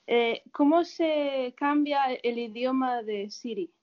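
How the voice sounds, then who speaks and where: A woman's voice: high-pitched, slow. Politely questioning woman on a call. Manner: tentative, polite questioning with restarts. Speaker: participant asking a question. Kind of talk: casual group video call. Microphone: video call. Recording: dull lo-fi video call audio.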